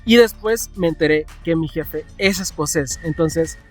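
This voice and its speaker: Young Mexican guy, chatty vlog storyteller, a bit high, soft music behind. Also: a little slow. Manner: chatty, animated, acts out his own past dialogue. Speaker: vlogger.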